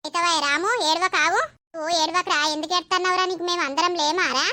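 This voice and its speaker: Cartoon village woman, voiced, high bright bossy caretaker, Telangana accent, dry recording. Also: fairly even intonation, fast talker, dry recording, full character voice. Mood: comforting. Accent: Telangana Telugu. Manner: scolding, fussing, talkative. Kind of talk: cartoon voice acting.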